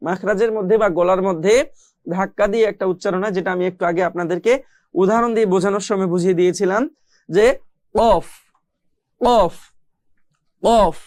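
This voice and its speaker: A man teaching how to pronounce Arabic letters, speaking slowly and patiently, repeating each sound several times. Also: sits high, no echo. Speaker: Quran recitation teacher. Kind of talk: recorded pronunciation lesson.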